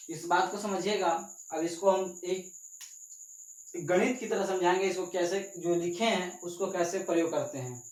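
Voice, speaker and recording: A male teacher giving a classroom lesson, talking slowly and repeating himself, often asking questions that prompt his students to answer and take notes. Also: sits high. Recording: echoey room.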